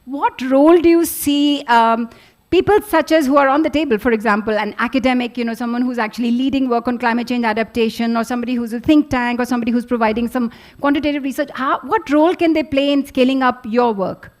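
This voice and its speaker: Brief: woman as panel moderator, fairly high-pitched, polite, halting with fillers. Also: steady tone. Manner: hesitant, many fillers, polite.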